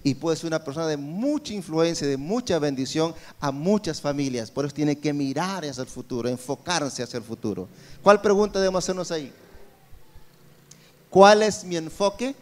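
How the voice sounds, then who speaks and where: A male pastor with a Peruvian Spanish accent delivers a Sunday sermon. His voice sits fairly high for a man. He keeps turning his points into rhetorical questions for the congregation. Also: expressive, normal speed. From Peru. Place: church service.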